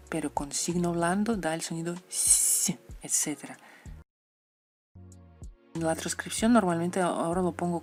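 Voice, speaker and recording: Woman, low voice, language teacher, slow repeated sounds, faint music underneath. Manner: repeats example sounds slowly, playful asides. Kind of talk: explaining letters and their pronunciation.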